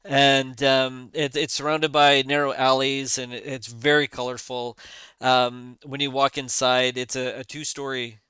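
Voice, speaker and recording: A man running a tabletop game as game master, his narration bright and very clear. He hesitates often and restarts sentences, and the sound is dry and close. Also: mid-range voice, flat delivery, a little slow, dry recording. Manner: hesitant, many fillers and restarts.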